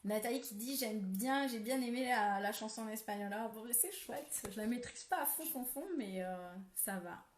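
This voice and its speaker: A woman hosting a live spiritual ritual, guiding softly and then chatting while reading viewers' comments, with many fillers. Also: a little high, normal speed, few pauses, slight background noise. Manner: soft, gentle guidance with many fillers. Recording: roomy echo.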